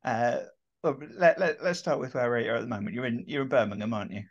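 A middle-aged man hosting an interview from home over a video call, talking hesitantly with many pauses and restarts. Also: medium pitch, expressive, muffled recording. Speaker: host. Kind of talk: casual interview chat. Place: home room with shelves. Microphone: video call webcam.

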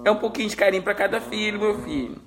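High-voiced man cooing at his dog. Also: fast, fairly bright tone. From Espírito Santo, Brazil. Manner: doting baby talk to his pet, pleading and soothing. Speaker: pet owner streaming live. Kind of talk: casual live-stream chat.

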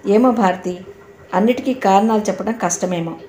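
A woman's voice: mid-range voice, normal speed, mellow, natural voice. A woman voicing a young man, an affectionate and playful husband, in a storybook reading. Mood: tender. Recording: echoey room, faint background noise.

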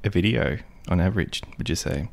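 Male podcast host, very deep voice, friendly, stumbles through questions. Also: lively intonation, creaky. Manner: friendly, halting with restarts. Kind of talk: podcast interview.

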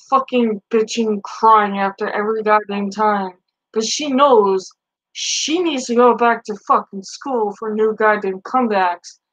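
Her voice is a little high and a bit bright, with no room sound, over dull lo-fi stream audio. She's in her twenties with a Boston accent, streaming from a small bedroom on a headset mic and hurling profane trash talk at her chat.

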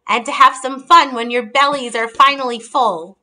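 A high-pitched woman's voice with fairly even intonation comes through at normal speed, sharp in tone. She's in her thirties, hosting a casual laptop video call from her dining room to present holiday table ideas. Friendly, she holds up books as she explains and shows them.

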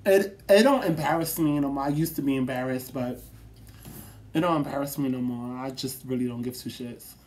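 A woman chatting casually to her viewers in a vlog, animated, laughing often and swearing freely. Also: a bass voice, a little fast. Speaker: vlogger.

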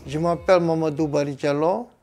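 Soft-toned man speaking careful learner's French. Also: on the high side, fairly even intonation, brisk. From Guinea-Bissau. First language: not French. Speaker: language course participant. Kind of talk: interview testimony. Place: classroom indoors.

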